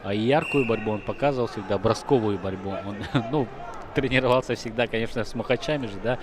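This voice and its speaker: A man's voice: fairly low pitch, brisk, crowd noise. Male wrestling commentator in a very noisy hall. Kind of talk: conversational live sports commentary. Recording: noisy sports hall broadcast. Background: loud arena noise.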